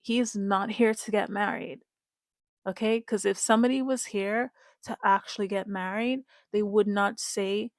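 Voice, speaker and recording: Woman, casual commentary, emphatic, talks straight to viewers, gravelly fry, dry close sound. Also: medium pitch, fairly even intonation, normal speed, no echo. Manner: emphatic, repeats points, addresses viewers directly. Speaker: reality-show commentator.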